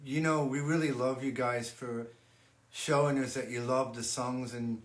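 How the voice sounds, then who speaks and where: An older man with a medium-pitched, steady voice hosts a livestream for fans, chatting casually. A musician, he speaks haltingly, often stopping to restart sentences and repeating words, in an echoey room with faint ambient noise.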